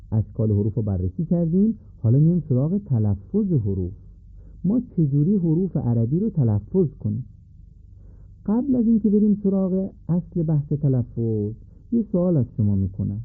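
A man gives a measured lesson and often puts questions to his students. His voice is husky and a little breathy. The sound is narrow and tinny, like a phone line. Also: mid-range voice. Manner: measured, asks questions to the listener. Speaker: teacher. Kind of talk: recorded lesson on letter pronunciation. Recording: phone-like narrow band recording.

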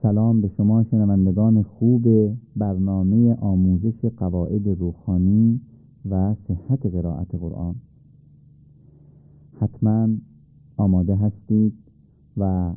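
A man's voice: fairly low pitch, no room sound. A man teaching Quran recitation on a radio lesson, polite and patient, asking his listeners questions and answering them himself. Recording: tinny phone-like radio recording.

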